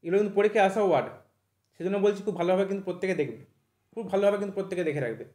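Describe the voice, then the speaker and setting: A man's voice: sits high, darkish tone, reverberant. A man teaching English vocabulary for an exam, often checking "right?" and spelling words out letter by letter. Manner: repeats "thik ache?" after nearly every point, spells words out slowly. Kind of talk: online vocabulary lesson.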